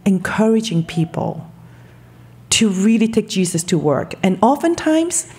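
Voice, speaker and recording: A woman's voice: mid-range voice, sing-song, measured pace, mellow, breathy edge. A woman in her fifties from Hong Kong, a guest in a podcast studio, talking earnestly and with enthusiasm into a studio mic. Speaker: guest, telecom marketing director. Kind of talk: interview conversation. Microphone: studio mic on boom arm.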